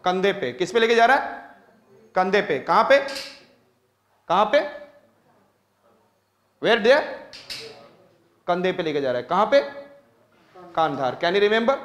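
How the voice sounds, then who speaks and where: A man's voice: sits high, big pitch swings, slow, long pauses, a bit bright, echoey room. A man with an Indian accent giving a classroom lecture, switching between English and Hindi and constantly quizzing his students with repeated questions. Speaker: teacher.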